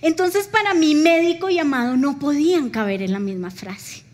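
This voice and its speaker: Lady pastor preaching, high voice, emotional storytelling. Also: moderate pace. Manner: emotional storytelling, acts out dialogue. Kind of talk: sermon.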